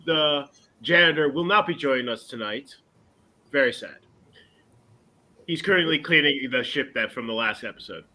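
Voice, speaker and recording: A man's voice: a little high, bright, forceful tone. A man playing a tabletop game, talking in a playful way with dramatic build-ups. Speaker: player. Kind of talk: casual game chat.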